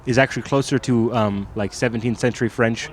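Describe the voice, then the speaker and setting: A man's voice: medium pitch, steady tone, brisk, slight background noise. A man co-hosting a comedy podcast, talking in dry, self-deprecating banter. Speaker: podcast co-host. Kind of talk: casual comedic chat.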